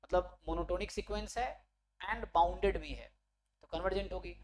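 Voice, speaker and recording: A man teaching an online statistics class for exam preparation. He explains step by step, often checks whether students follow, and reads definitions out slowly word by word. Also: high voice, crowd noise. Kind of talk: online exam-prep lecture.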